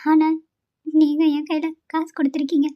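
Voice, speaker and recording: A woman voicing a gentle, polite young daughter-in-law in a cartoon. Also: high voice, fairly even intonation, fast, lightly acted. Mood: tearful. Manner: soft, polite, humble. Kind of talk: amateur cartoon voice acting. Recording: dull lo-fi sound.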